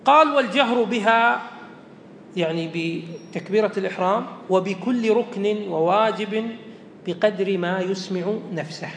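A man's voice: moderate pace, vocal fry, a bit bright. A man teaching a religious law lesson, reading a line from a text and then explaining it plainly, going back over his points. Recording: echoey hall with faint rumble.

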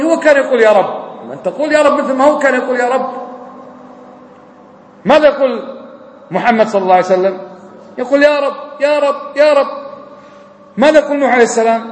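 A man preaching a sermon as an imam, fervent and swinging between near shouts and low, quiet lines. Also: a little hiss or hum. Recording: echoey hall with long reverb.

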